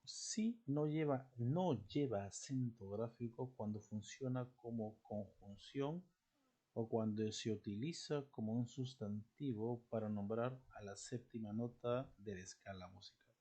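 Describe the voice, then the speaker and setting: A man with a husky, mellow voice teaches a recorded grammar lesson. He explains step by step and keeps checking in with quick rhetorical questions. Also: mid-range voice.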